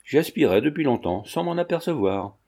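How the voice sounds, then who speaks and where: A man's voice: medium pitch, very animated, a little fast, warm tone. A man reading a novel aloud, voicing a carefree, whimsical young Parisian man who speaks earnestly.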